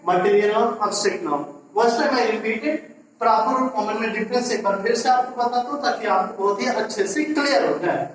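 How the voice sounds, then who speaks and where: Indian male teacher giving a slow, repetitive classroom lesson; recorded in a very echoey room, far from the mic. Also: very high-pitched. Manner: mixes Hindi and English, repeats "ठीक है" often; slow, deliberate explaining with frequent rhetorical questions.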